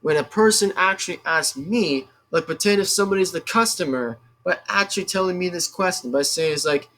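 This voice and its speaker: A man hosting his own gaming vlog, speaking in a somewhat higher register. He rambles and circles back with lots of fillers. He sounds firm and insistent in a casual, unscripted way. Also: fairly quick, bright, forceful tone, a little hiss or hum. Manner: rambling and repetitive, full of fillers. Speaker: YouTube gaming channel host.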